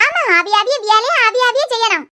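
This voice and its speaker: Sharp-tongued young cartoon wife, sarcastic and curt, Kanyakumari Tamil accent, played by a woman. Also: very high voice, very animated, normal speed, dry recording, clean studio sound, heavily acted. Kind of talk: cartoon web series voice acting.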